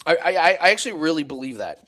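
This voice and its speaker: An American man co-hosts a casual live darts chat, calling the bets and scores play by play and laughing often. His voice is a little high and a bit bright, very animated, and he talks fast.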